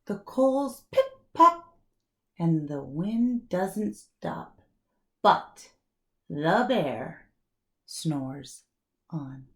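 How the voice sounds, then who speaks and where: Very slow, expressive woman storyteller. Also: on the low side. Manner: deliberate, dramatic pauses and emphasis. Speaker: kindergarten teacher. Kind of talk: expressive children's storybook read-aloud.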